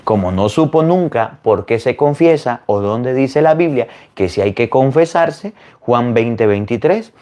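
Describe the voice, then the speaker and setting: Animated priest preaching. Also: male voice, mid-range voice, measured pace, few pauses. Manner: animated, scolding, full of rhetorical questions. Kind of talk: sermon.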